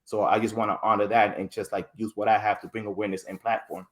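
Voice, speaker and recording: A man's voice: on the low side, fast. A man as a guest in a casual interview, rambling through stories with lots of fillers and restarted words. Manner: animated storytelling, voices others in quotes. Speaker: podcast guest.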